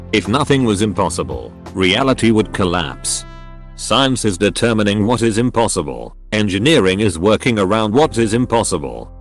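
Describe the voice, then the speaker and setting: A man with a fairly low voice reads forum posts aloud as scripted narration, his pitch swinging widely from line to line. He reads abbreviations and punctuation marks out literally. Faint music plays underneath. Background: faint background music.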